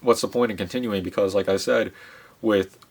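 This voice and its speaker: A man giving a casual monologue to his audience, speaking in a subdued, reflective way with many pauses, fillers and restarts. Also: lowish voice, steady tone. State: subdued, low-spirited. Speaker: channel host.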